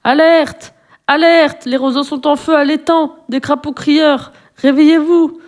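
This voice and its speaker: A woman voicing an old male crow, a retired police officer, shouting an alarm. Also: high-pitched, flat delivery, drawn-out words, voice pushed up.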